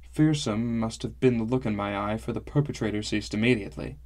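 A man narrating a fantasy audiobook in a measured, wry first-person style. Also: fairly low pitch, darkish tone.

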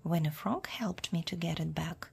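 A woman reading a fairy tale aloud in a hushed, half-whispered voice. Her tone is low, gravelly and very breathy, and she takes her time. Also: moderate pace. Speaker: storyteller for English learners. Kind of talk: storybook read-aloud.

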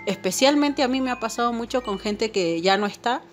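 A woman's voice: fairly high pitch, brisk, faint music behind. A woman casually telling a personal paranormal story to her viewers, chatty and full of fillers and little "right?" tags. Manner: chatty, filler-heavy, keeps asking "¿no?". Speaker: channel host.

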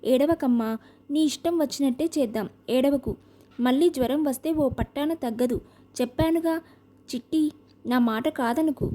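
A woman's voice: high voice, moderate pace, mellow, lightly acted. A woman voicing a fretful, fond old grandmother in an audio novel, coaxing and chiding.

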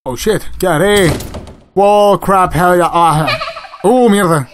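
A man with a Chilean accent giving crude, excitable let's play commentary, swearing constantly as he plays a game. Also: high-pitched, slow pace, background noise. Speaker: gamer.

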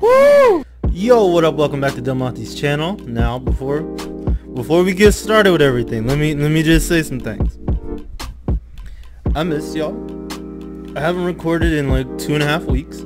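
A young man chats through a video game in a fairly high, very animated voice. He is jittery, slangy and swears freely, and his speech sounds slightly impeded. Game music plays clearly behind him. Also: normal speed, long pauses. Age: young adult. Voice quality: slightly impeded speech after dental surgery. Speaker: gaming channel host. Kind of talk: casual gameplay commentary.

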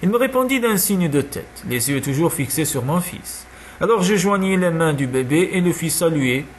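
Expressive male audiobook reader. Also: a little high, moderate pace, slight background noise. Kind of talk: scripted narration.

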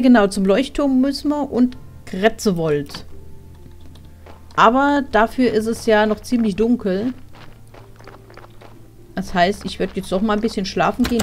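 A woman's voice: mid-range voice, a little slow, long pauses, soft background music. A woman streaming a game, chatting casually and thinking aloud as she plays, speaking into a headset. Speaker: let's play streamer. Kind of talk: casual gameplay commentary.

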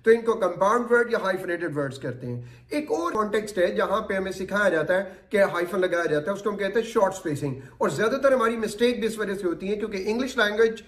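A man's voice: high voice, animated, quick pace, fairly bright tone. Male teacher, Pakistani accent, explanatory lecture style; echoey room. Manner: explaining in Hindi-Urdu mixed with English terms. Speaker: English teacher. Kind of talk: classroom lecture. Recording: roomy sound from a distance.

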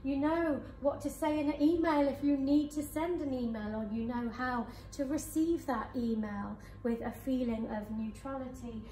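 A woman hypnotherapist leading a guided hypnosis session for a live audience in a conference room, speaking in slow soothing suggestions. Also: sits high, a little mellow. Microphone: far camera. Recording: echoey room from far off.

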